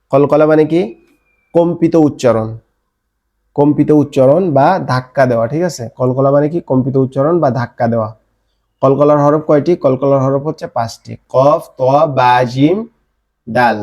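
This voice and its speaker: A man's voice: medium pitch, darkish tone. A man from Bangladesh teaching an online Quran recitation class in Bengali-accented speech, drilling letter sounds and answering his own questions.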